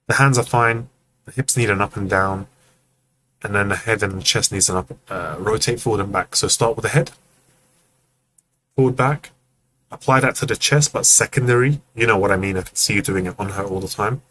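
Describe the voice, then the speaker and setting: On a rough recording with a little hiss or hum, this man's lowish voice comes across brisk, pushed and bright. He hosts a live stream and gives friendly, casual animation feedback, miming the movements while he talks and tossing jokes to chat.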